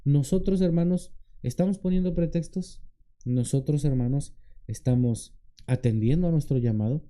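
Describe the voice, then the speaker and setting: A man preaches in a loose, conversational way, checking in with his listeners and pausing to act out quoted pleas in a raised voice. His tone is deep and very dark. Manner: conversational preaching, often asks the congregation questions and tags "¿verdad?"; acts out quoted pleading in a higher voice. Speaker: deacon. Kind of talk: sermon.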